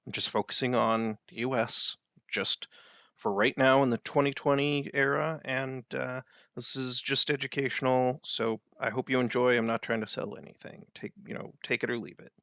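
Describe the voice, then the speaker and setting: A man's voice: medium pitch, steady tone, normal speed, fairly bright tone, no room sound. A man hosting a personal finance video, giving blunt, emphatic advice in an explanatory monologue.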